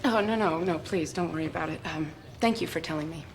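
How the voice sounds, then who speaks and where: A gentle woman detective who talks softly and politely and sometimes hesitates. Her voice sits slightly low. There is a clear hiss in the film audio. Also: fast talker. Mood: earnest. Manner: soft-spoken, polite, hesitant.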